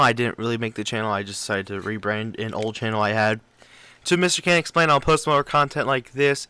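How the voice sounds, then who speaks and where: A man's voice: mid-range voice, sharp tone, smooth, no echo. A young man casually reading fan fiction aloud for laughs, swearing and reacting to the text. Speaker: YouTuber. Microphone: desk mic.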